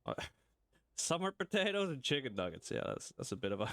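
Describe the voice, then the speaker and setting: A man's voice: mid-range voice, very animated, normal speed, fairly bright tone, no room sound. A man chatting casually to himself as he plays a video game on stream, with mumbled asides. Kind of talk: casual gameplay commentary.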